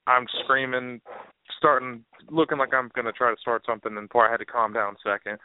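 A man guest on a casual sports podcast who talks in an animated, emphatic way and raises his voice when he gets worked up. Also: medium pitch, fast, no room sound. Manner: animated and emphatic, rising to a near shout. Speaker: guest analyst. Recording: dry phone-line audio.

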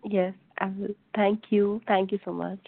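A woman's voice: medium pitch, little pitch movement, a little slow, vocal fry, dry recording. A woman calling in to a radio show over the phone, giving polite, brief replies. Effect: phone-line caller audio. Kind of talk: casual call-in chat. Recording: dry tinny phone line.

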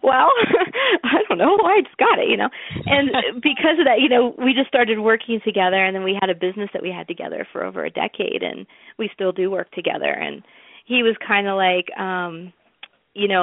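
Over a tinny phone line with no echo, a woman with a gravelly, mid-range voice chats casually as an interview guest. She's a music promoter who tells her stories loosely, with lots of fillers and restarts.

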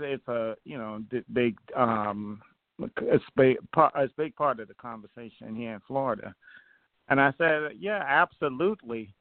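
Candidate guest, male, from Trinidad and Tobago, mid-pitched, earnest and halting, heard over a phone line. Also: no room sound. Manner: earnest, many fillers and restarts. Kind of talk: phone-in interview, casual. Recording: tinny phone line, dry.

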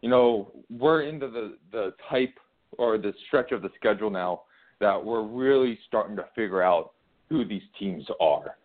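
A man's voice: lowish voice, moderate pace. Hesitant man co-hosting sports radio. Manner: hesitant, repeating words. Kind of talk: sports betting talk. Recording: phone-like line.

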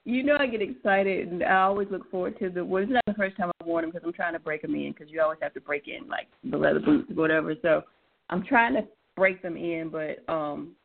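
Hoarse woman with a froggy, creaky voice. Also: fairly low pitch, brisk. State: hoarse, losing voice. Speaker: co-host. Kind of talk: casual chat. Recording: tinny phone-line internet radio.

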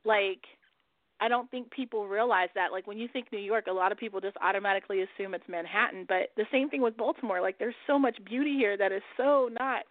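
A woman's voice: mid-range voice, brisk, no room sound. A woman hosting a radio show in casual chat, who swears freely and laughs often. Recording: dry, phone-like line.

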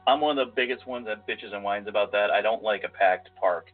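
A man's voice: on the low side, fairly quick. A man co-hosting a casual podcast, talking in a rambling, self-deprecating way with a nasal voice. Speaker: podcast co-host. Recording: phone-like lo-fi audio with faint music.

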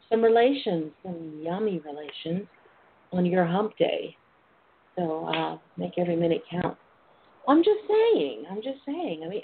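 An American woman hosting a casual phone-in talk show in a sassy, playful, chatty way. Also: mid-range voice. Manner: sassy, playful, uses endearments like darling and honey. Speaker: talk show host and intimacy coach. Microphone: telephone. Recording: tinny phone line with clear noise.

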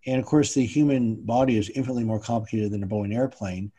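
Male spine-surgeon host, dark mellow voice with a husky edge, explanatory. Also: on the low side, fast, lo-fi sound. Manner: attentive listener, brief affirmations, then explanatory. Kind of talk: interview conversation.

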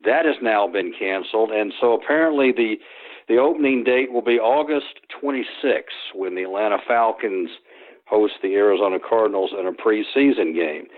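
A man who is a sports historian takes interview questions by phone, his fairly low voice moving at a moderate pace. He rambles, often starting over and using fillers, and the line sounds tinny.

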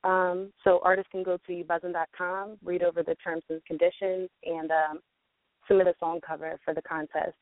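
A woman's voice: on the low side, little pitch movement, moderate pace, no echo. Woman talking over a tinny phone line. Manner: chatty, with many ums and fillers. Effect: heard over a phone line. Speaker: guest from a music platform's marketing team. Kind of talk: phone-in radio interview.

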